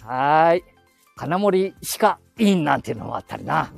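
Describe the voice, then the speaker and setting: An older man speaks through a face mask in a folksy Nagoya-area accent. His fairly high voice swings up and down in lively fashion as he thinks aloud on a walk outdoors. Faint music sits behind him. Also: normal speed, creaky, no echo. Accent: Nagoya-area Japanese (Aichi). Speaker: vlogger. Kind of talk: casual rambling walking commentary. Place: outdoors, walking through town streets.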